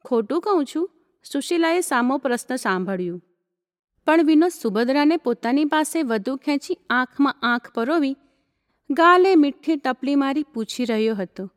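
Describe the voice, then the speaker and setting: A woman reads a story aloud in a calm, even manner. Her voice sits high. The recording has a long hall reverb around it. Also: moderate pace. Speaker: narrator. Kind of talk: storybook reading.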